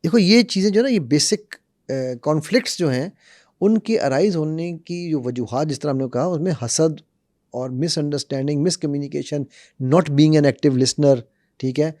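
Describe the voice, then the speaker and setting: Guy on a podcast, lively, tells stories, kinda high voice, dead dry room. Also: dry recording. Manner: animated, lively storytelling and acting out quotes. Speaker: guest speaker on conflict management. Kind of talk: podcast conversation, storytelling with acted quotes.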